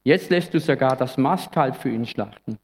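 A man's voice: mid-range voice, lively intonation, moderate pace, lightly acted. This is a resentful grown son, read out by a preacher. He sounds bitter and reproachful, and his voice climbs as he complains. A long church-like reverb trails each phrase. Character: bitter resentful older brother, grown man.

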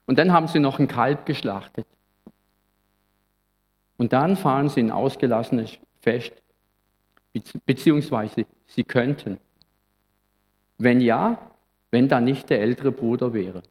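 A man's voice: medium pitch, measured pace, pauses often, a little mellow. A man preaches a Christmas sermon from a church pulpit. His tone is earnest and reflective, and he slips into a casual manner now and then. A long reverb trails behind each of his phrases. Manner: earnest, reflective, sometimes conversational. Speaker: pastor.

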